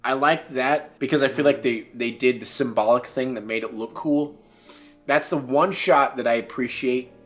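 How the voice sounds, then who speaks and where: A man's voice: mid-range voice, moderate pace, soft background music. A drunk man rambling and butting in during a casual comedic film review. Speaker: movie review co-host.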